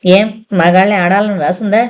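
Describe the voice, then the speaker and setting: A woman narrator voicing a spirited, defiant little orphan girl in a spoken novel, with bold quick retorts. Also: mid-range voice, fairly even intonation, close to an everyday voice. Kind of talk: audiobook character reading.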